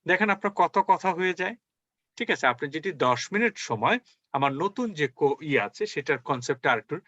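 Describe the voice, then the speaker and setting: Guy teaching english, bright voice, keeps asking the class questions, dull lo-fi sound. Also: fairly high pitch, lively intonation, normal speed, no echo. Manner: coaxing, asks learners many rhetorical questions. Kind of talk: spoken classroom lesson.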